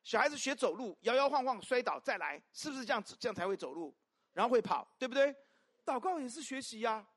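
A pastor delivers a sermon to his congregation at a fast clip and a medium pitch, firing rhetorical questions at them nonstop. He is animated, lurching from loud, emphatic calls to quiet asides.

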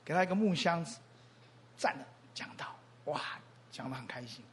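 A man preaching a storytelling sermon, animated and repetitive, often asking the congregation questions. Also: fairly high pitch, moderate pace, slight background noise.

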